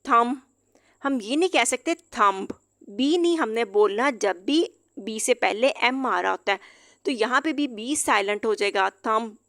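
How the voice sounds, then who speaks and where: A woman's voice: a little high, lively intonation, dry recording, studio quality. Woman patiently teaching word by word. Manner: patient, repeats each example word slowly. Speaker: English teacher. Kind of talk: explanatory lesson.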